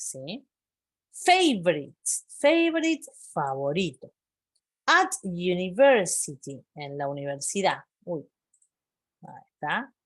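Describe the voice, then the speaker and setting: A woman teaching English vocabulary, patiently repeating phrases and checking in with her students. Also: on the low side. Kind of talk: explaining vocabulary to a class.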